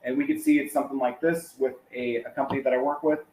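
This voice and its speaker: A man's voice: medium pitch, very animated, fast talker, darkish tone, reverberant, a little hiss or hum, rough recording. A man giving a casual, conversational webinar presentation, with many fillers and asides.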